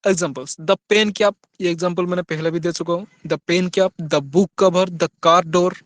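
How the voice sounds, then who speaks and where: A man gives a grammar lesson in a fairly high voice. He reads the example phrases slowly and then explains them quickly in Hindi, questioning his students as he goes. The sound is dry and close. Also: steady tone, dry recording. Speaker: English grammar teacher.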